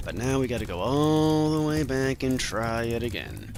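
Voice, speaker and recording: A man's voice: medium pitch, very animated, moderate pace, gravelly, a little mellow. A man giving casual, chatty, self-deprecating commentary as host of a video game walkthrough. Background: game music.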